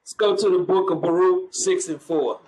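A man's voice: high voice, moderate pace, darkish tone, a little hiss or hum, rough recording. A man preaching in the street, mocking churchgoers and calling for the next verse to be read. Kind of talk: street preaching with scripture reading.

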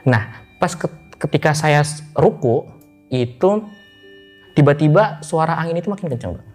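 A man's voice: a little high, lively intonation, moderate pace, darkish tone. Guy telling a creepy story in an interview, chatty, keeps talking right to the host, faint music behind. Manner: chatty, keeps addressing the listener as brother; loose speech with restarts. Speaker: guest telling a ghost story. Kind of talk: casual spoken storytelling.

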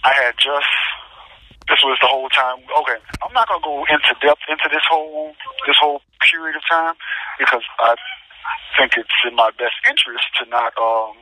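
Male caller on a phone line, very bright tone, hesitant and guarded. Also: mid-range voice, fairly quick, no room sound. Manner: guarded, hesitant, many ums. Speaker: guest speaking by phone from prison. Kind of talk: casual storytelling.

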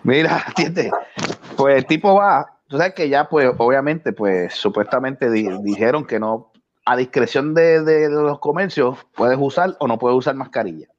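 A man's voice: medium pitch, normal speed. A man telling a story in casual chat, acting out the voices of the people in it. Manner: animated, acts out quotes with raised voice. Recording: dull lo-fi audio.

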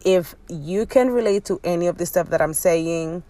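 A woman with a Dominican accent and a slightly low voice hosts a motivational coaching podcast. She talks candidly and directly to her listeners in a conversational way. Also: normal speed, mellow, no room sound. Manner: conversational, direct address, with frequent y'all. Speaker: podcast host and business coach.

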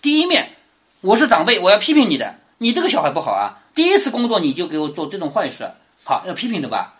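A teacher explaining a classic novel in a casual lecture, retelling scenes in everyday words and often asking the listener to agree, with the voice dropping low and soft on those questions. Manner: animated storyteller, quick to rephrase in everyday words.

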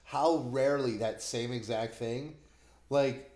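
A man's voice: medium pitch, slow, a little mellow, roomy sound. A man hosting a casual music podcast, talking enthusiastically with lots of fillers. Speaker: podcast host. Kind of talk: casual chat.

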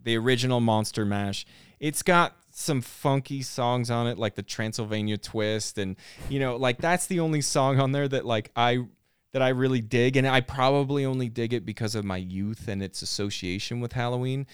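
A man hosting a podcast, talking in a loose, rambling way full of fillers and false starts. His voice is smooth and resonant. The sound is close and dry, with no room around it. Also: medium pitch, moderate pace, no room sound. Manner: relaxed, rambling, with frequent fillers and restarts. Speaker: podcast host. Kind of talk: casual chat. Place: podcast studio.

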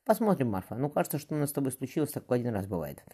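A loving, devout stepfather, voiced by a man narrating a storybook who speaks softly and kindly. The tone is dark and mellow, the pace quick. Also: medium pitch, sing-song, breathy edge. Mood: gentle.

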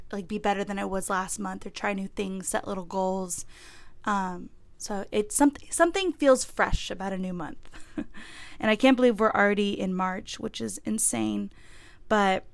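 On a dry recording, a young woman with a gravelly, mid-range voice hosts her own laid-back podcast, sounding nasal, stuffed up and sniffly from a cold. Her talk wanders, frank and loose, with plenty of swearing.

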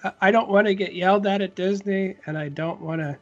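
A man with a notably high voice chats on a podcast, rambling through a story and restarting his sentences as he goes. The audio is slightly muffled, with faint music underneath. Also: fairly even intonation, a little fast. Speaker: podcast co-host. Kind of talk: casual chat.

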